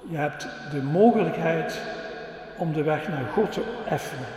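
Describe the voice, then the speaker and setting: A man preaching a sermon and telling a story to children in a measured, solemn way. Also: on the high side, darkish tone, a little hiss or hum. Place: large church. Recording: echoey church hall with long reverb.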